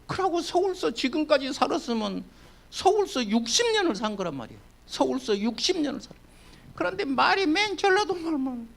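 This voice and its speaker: A man in his seventies with a Jeolla accent, a pastor preaching a sermon, swinging between loud declaiming and hushed folksy asides. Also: high voice, creaky. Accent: Jeolla Korean. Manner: folksy, colloquial storytelling.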